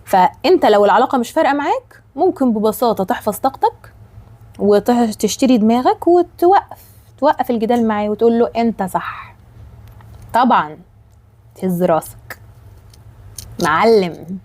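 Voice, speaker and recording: A woman with an Egyptian accent, a life coach giving casual advice to camera, animated and acting out quoted voices. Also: a little high, fairly quick. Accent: Egyptian Arabic. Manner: animated, acts out quoted voices, frequent restarts.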